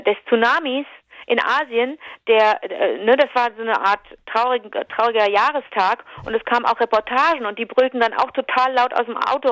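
A woman's voice: a little high, no room sound. Chatty woman spinning a long anecdote. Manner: animated, rambling retelling with many fillers and restarts. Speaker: podcast co-host telling an anecdote. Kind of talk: casual storytelling chat. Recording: slightly dull, dry lo-fi sound.

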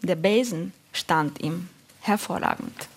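A woman reading a literary story aloud in a calm, measured way, voicing the characters' lines in her own voice. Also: lowish voice, husky. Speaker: reader.

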